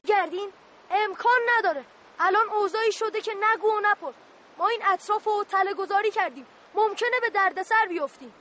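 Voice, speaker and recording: A woman's voice: extremely high pitch, pushed and bright. A woman voicing a bossy young boy who stands guard in a war game, in a radio play, talking in a stern, officious way. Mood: scolding.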